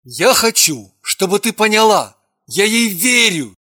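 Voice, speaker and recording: A woman's voice: mid-range voice, sing-song, a little slow, pushed and bright, no room sound, clean studio sound, exaggerated voice. A woman reading an audiobook, voicing a touchy, defensive young man who answers curtly and sulkily. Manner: curt, defensive, sulky.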